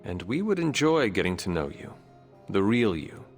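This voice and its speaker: An actor playing a calm male demon hunter with a measured, solemn, understated delivery in a video game. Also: fairly low pitch, soft background music.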